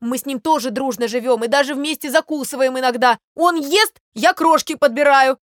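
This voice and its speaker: A woman voicing an indignant, hot-tempered male sparrow who shouts in rage in a storybook reading. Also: fairly high pitch, normal speed, dry recording, clean studio sound, lightly acted. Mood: aggrieved.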